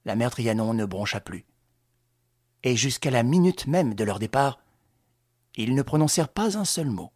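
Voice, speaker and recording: A male audiobook narrator with a husky, breathy voice, reading in a measured, dramatic storytelling manner. His pitch moves expressively through the sentences, and he is recorded close and dry with no room echo. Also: sing-song, darkish tone. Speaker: audiobook reader. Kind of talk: scripted narration.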